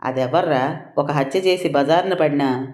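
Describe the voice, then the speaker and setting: Angry uncle yelling insults at his nephew, as the storyteller puts him on, raised harsh voice, echoey room. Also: medium pitch, measured pace, lightly acted. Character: furious middle-aged uncle scolding his nephew. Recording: roomy echo.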